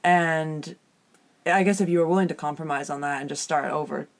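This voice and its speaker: A Canadian woman in her thirties with a slightly husky voice, chatting casually as a podcast co-host inside a small, soft-furnished caravan. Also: sits low, fairly even intonation, brisk. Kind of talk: casual conversational podcast chat.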